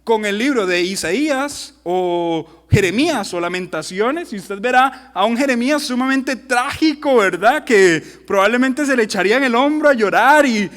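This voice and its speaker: A Costa Rican man preaches with animated energy, throwing rhetorical questions at his audience. His voice sits notably high, and it rings out with a long reverb. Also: moderate pace, hardly any pauses. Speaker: pastor. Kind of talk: sermon. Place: church hall.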